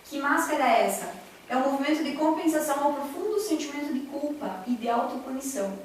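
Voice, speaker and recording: A woman delivers a heartfelt spiritual lecture at a quick, expressive pace, weaving personal stories with earnest direct appeals to her audience. Her high voice is picked up from far away in a large, strongly echoing hall, with a faint hiss running beneath everything.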